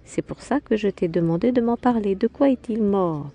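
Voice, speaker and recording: A grown daughter presses her mother with raised, insistent questions, as a woman puts her on. The voice climbs well above the narrator's low tone. It comes from an audiobook reading with a faint hiss underneath. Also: moderate pace, warm tone, muffled recording, close to an everyday voice. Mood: pleading.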